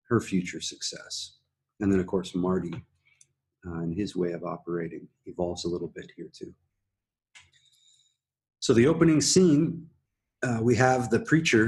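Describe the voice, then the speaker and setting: Husky man hosting a TV recap. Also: deep voice. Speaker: host of a TV recap show. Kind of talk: conversational episode analysis.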